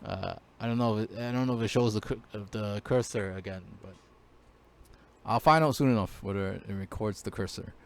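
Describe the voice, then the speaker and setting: A man's voice: on the low side, brisk, creaky. A man teaching a casual screen-share language lesson, hesitant, with many fillers and restarts.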